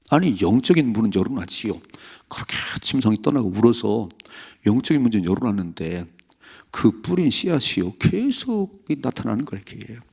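Gravelly, husky-voiced Korean man preaching. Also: fairly low pitch, darkish tone. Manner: emphatic, acts out prayers and rebukes. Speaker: pastor. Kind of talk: dawn prayer sermon.

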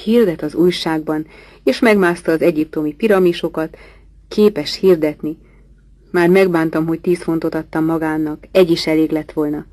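A gruff, teasing middle-aged gentleman from a storybook reading, bantering in a low, dark voice, as a woman reads his lines. The sound is dry and close, with no room around it. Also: steady tone, no room sound, natural voice. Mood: mocking. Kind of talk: audiobook dialogue reading.

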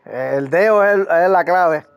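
A man chatting casually while playing an online game with a friend, teasing him and breaking into excited shouts. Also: sits high, a little slow, clear, resonant tone. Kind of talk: casual gaming chat.

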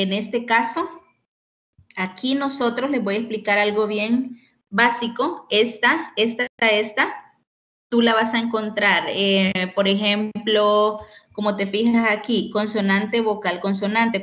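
A woman teaching an online English lesson, explaining slowly and patiently and often checking in with "ok?". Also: mid-range voice, fairly bright tone. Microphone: computer mic on a video call.

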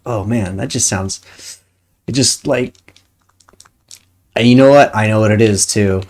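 A woman's voice: a bass voice, a little slow, darkish tone. A woman streaming a video game, chatting casually and thinking aloud as she plays. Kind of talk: casual chat while playing a game.

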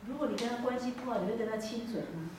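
A woman's voice: a little high, racing, darkish tone, slight background noise. A woman with a Taiwanese Mandarin accent preaching a sermon, retelling a Bible story with many rhetorical questions and hesitant self-corrections. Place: church hall. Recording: echoey hall, distant mic.

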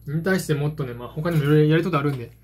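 Casual solo vlogger, man in his 40s, husky and slightly high-voiced, self-deprecating ramble. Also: rapid-fire, darkish tone. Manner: self-deprecating, hesitant asides. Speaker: vlogger, card game hobbyist. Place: small dim room at home, indoors. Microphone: phone propped at arm's length.

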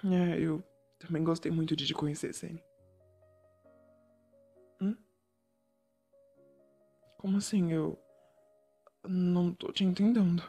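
A man's voice: high voice, fairly even intonation, slow pace, vocal fry, pauses often, slightly rough, soft background music, heavily acted. A man playing a shy, sweet young photographer. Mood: gentle. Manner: soft, gentle and bashful, addressing the listener. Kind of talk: whispered role-play.

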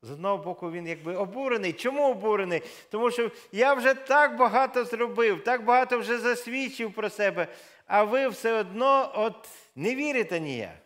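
A man's voice: high voice, lively intonation, normal speed, fairly bright tone. A man preaching a sermon in church, talking in a conversational way with frequent fillers and self-corrections, and reading scripture aloud with raised emphasis.

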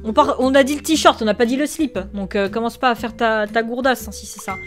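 A woman's voice: a little high, fairly quick, music in the background. A woman doing let's-play commentary, reading game choices aloud with sarcastic, exasperated asides. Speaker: gaming YouTuber.

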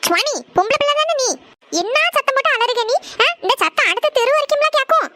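A woman voicing a scolding village mother of two daughters, loud. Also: very high-pitched, quick pace, noisy background. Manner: loud, scolding, rural Tamil speech.

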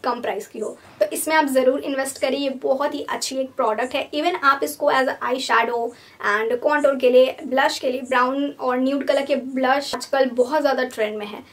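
A woman's voice: high voice, steady tone, moderate pace. A woman giving a chatty makeup review, mixing English words into her Hindi. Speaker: beauty vlogger. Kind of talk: casual product review.

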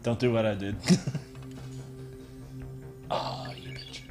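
A man chatting casually while livestreaming a game, laughing often and swinging from quiet mutters to loud outbursts. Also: on the low side, flat delivery, slow pace, over music. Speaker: livestream gamer. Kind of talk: casual gaming chat.

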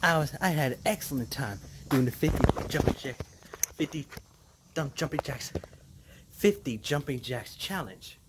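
A young man chatting casually to camera outdoors, talking haltingly and often repeating his phrases. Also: a little high, animated. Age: young adult. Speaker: vlogger. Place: outdoors on porch and yard. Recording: noisy outdoor camera audio.

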